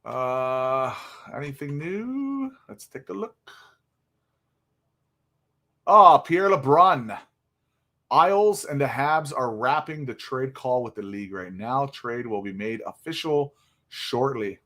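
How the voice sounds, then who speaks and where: A man's voice: medium pitch, animated, measured pace, bright, forceful tone. Sleepy, rambling young man streaming. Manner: rambling, filler-heavy, chatty. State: sleepy, yawning. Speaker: hockey livestream host. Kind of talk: casual live stream chat.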